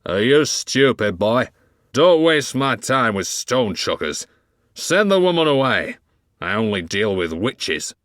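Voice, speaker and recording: A man reading aloud plays a drunk, bitter older witch hunter who speaks slowly with a gruff, slurred delivery. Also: lowish voice, fairly bright tone, dry recording, studio quality. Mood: scornful.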